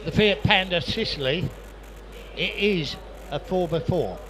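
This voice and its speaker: A man's voice: high-pitched, lively intonation, unhurried, fairly bright tone, poor audio. A man working as an auctioneer, chanting repeated prices and bid calls in patter at a live sale. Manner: repetitive patter of prices and bids. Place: busy auction sale room.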